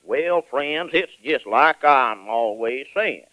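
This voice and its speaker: An actor playing a folksy old bullfrog who drawls homespun sayings, in 1940s radio acting. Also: male voice, mid-range voice, lively intonation, takes it slowly, pushed and bright, dry recording, rough recording. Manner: rural drawl, says ain't and reckon.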